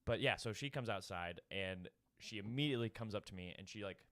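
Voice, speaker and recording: A man's voice: fairly low pitch, a little fast, fairly bright tone. A young man, a podcast host telling a long story in casual chat, full of fillers and laughs.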